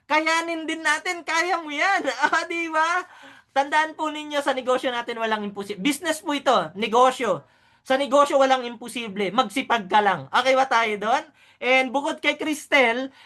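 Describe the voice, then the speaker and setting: Woman, presenter, business pitch, upbeat, slightly high pitch, rhetorical questions. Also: a bit bright. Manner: upbeat and hyped, keeps asking "o, di ba?". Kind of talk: sales presentation.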